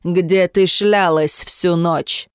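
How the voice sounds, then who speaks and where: A woman's voice: fairly low pitch, fairly even intonation, smooth, dry recording, clean studio sound. Woman doing a cold, snarling tyrant father. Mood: furious contempt. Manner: slow, menacing, snarling through teeth. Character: domineering, contemptuous male mayor, a stern father.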